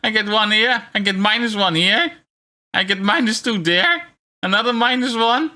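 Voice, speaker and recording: A man livestreaming in a casual chat, talking in a halting, rambling way with wry, self-deprecating grumbles. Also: high voice, sharp tone. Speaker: VTuber streamer.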